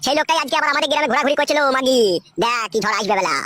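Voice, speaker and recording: A woman's voice: sits high, rapid-fire, sharp tone, no echo. A woman voicing a sullen, insolent young son in a comic skit, talking back.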